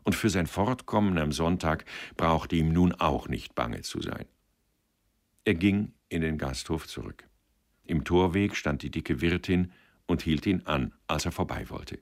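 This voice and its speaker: Male radio reader, very deep, animated narration of a novel. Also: a little slow. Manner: expressive storytelling.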